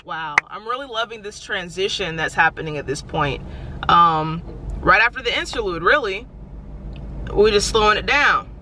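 A woman's voice: medium pitch, background noise. A young woman reacting to and reviewing songs from inside a parked car, gushing and exclaiming, filmed by a dashboard camera. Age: young adult. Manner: excitable, exclamatory, drawn-out gushing. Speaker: music reaction vlogger. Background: music playing.

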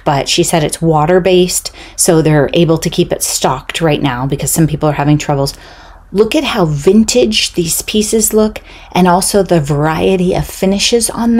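A woman's voice: fairly low pitch, darkish tone. A middle-aged woman from Oregon, chatting casually and enthusiastically about craft supplies she bought, filmed from above at a table. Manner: chatty and enthusiastic, exclaiming over items. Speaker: craft vlogger. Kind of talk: casual shopping haul chat. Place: indoors at a table, hands-only overhead camera.

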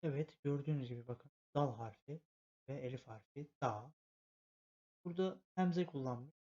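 A man's voice: mid-range voice, moderate pace, warm tone. A man teaching a language lesson, spelling out letters patiently step by step and repeating himself often. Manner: patient, repetitive, step-by-step explanation. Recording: dull lo-fi home recording.

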